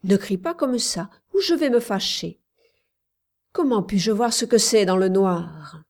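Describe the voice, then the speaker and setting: A woman's voice: mid-range voice, lively intonation, unhurried. A woman reading as a devoted young nursemaid. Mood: firm scolding. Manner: soothing yet urgent, rising to loud calls.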